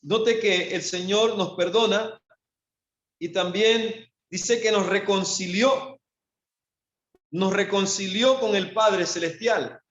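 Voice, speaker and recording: A male pastor with a Panamanian accent preaching a sermon, asking rhetorical questions and dropping soft and low for the quoted lines. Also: slow. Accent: Panamanian Spanish. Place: church hall. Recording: echoey church, dull lo-fi sound.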